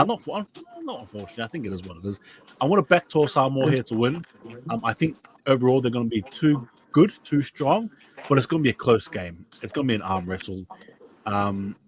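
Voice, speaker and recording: A man's voice: mid-range voice, a little hiss or hum, low-quality recording. Chatty man previewing rugby league. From New Zealand. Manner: chatty, repeats words and restarts often. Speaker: podcast host.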